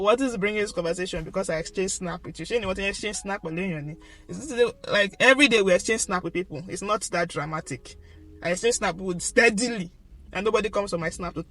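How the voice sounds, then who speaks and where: A woman in her thirties with a Nigerian accent, telling an animated storytime on her vlog and acting out what others said. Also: fairly low pitch. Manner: animated, gossipy, mimics others mid-story. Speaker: vlogger. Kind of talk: casual storytime chat.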